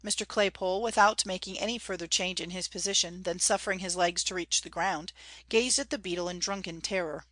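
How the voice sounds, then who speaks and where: A woman narrating a classic novel as an audiobook in a measured, expressive reading. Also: fairly low pitch, no room sound. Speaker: audiobook reader.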